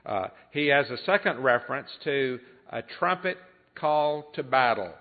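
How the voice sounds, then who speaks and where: Male preacher, mid-pitched, measured teaching delivery full of "uh"s and throat clearing, heard over a thin phone-like recording. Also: lively intonation. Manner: unhurried teaching with frequent "uh" fillers and throat clearing. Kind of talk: sermon. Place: church assembly. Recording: tinny phone-like sound.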